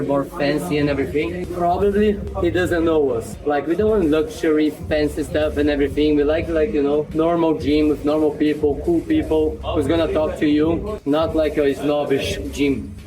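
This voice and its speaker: Male travel vlogger, slightly high voice, eager and chatty. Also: rough recording. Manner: enthusiastic, repeats "super", playful. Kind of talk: casual travel vlog chat. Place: outdoors in city streets and a gym.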